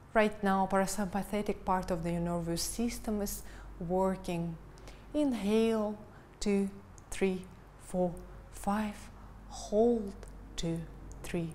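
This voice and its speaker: A woman in her thirties giving a guided breathing lesson in a calm, instructional manner. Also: lowish voice, slight background noise. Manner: calm, instructional, counting and cueing. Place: living room, indoors. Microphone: lavalier lapel mic.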